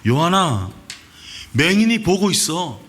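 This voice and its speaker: A man voicing a gentle figure who consoles a doubting follower with fervent, rising proclamations. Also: a little high, big pitch swings, a little slow, voice pushed up.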